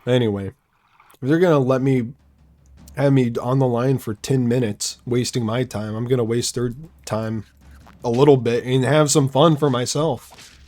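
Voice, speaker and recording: Young male streamer, loose rambling commentary with a dry sarcastic edge, average pitch. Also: fairly even intonation, moderate pace, warm tone. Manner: wry, sarcastic rambling asides. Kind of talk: casual live-stream gameplay chatter.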